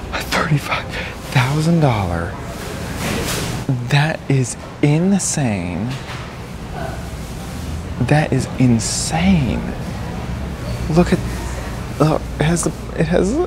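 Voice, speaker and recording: A man vlogging casually as he walks through a large indoor antique mall, excitable and exclaiming often, recorded on a handheld camera. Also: medium pitch, drawn-out words, pauses often, noisy background. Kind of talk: casual walk-around vlog. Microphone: handheld camera held while walking.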